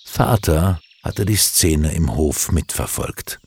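A man reading a children's story aloud with expressive, dramatic storytelling. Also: extremely low pitch, takes it slowly, slight background noise.

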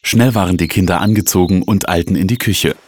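A man narrating a children's story aloud in a calm, even storytelling voice. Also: low-pitched, fairly quick.

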